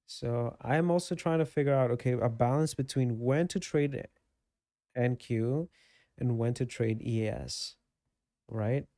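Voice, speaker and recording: Gravelly man casually talking through trades. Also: medium pitch, measured pace, dark tone, no echo, studio quality. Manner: thinks aloud, easygoing, chatty with viewers. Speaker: livestream trading host. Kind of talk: casual live market commentary. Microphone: desk microphone with webcam.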